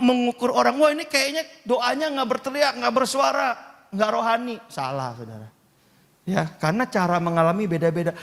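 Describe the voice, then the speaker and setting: A middle-aged man delivers a sermon in an animated, chatty way and keeps addressing the congregation directly. His voice sits fairly high. It rings with the long reverb of a big hall. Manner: lively, chatty preaching with frequent asides to the congregation. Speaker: pastor. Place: church hall.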